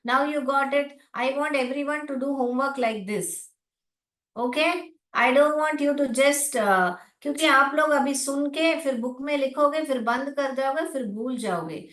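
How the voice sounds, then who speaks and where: A woman teaching phonics to adults in an online class with an Indian English accent. She breaks words into sounds and keeps asking whether it is clear. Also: high-pitched, a bit bright, reverberant. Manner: slow, spelled-out sounds with repeated checks of "clear?".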